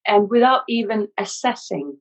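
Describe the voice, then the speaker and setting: Distant gravelly woman sharing memories. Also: mid-range voice, lively intonation, normal speed. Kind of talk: recorded personal testimony. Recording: dull, distant, lo-fi recording.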